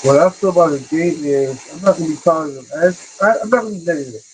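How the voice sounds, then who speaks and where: A man calling in as a regular football analyst on a casual sports podcast. His voice comes over a muffled, bass-only phone line, and he hesitates and repeats himself as he sets out his view. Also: quick pace, a little mellow, slight background noise. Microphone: phone call.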